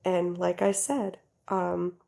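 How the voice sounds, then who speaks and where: A woman co-hosting a podcast, telling a story in casual chat, giggly and animated, talking straight to her listeners. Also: fairly low pitch, slow pace, creaky. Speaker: podcast co-host.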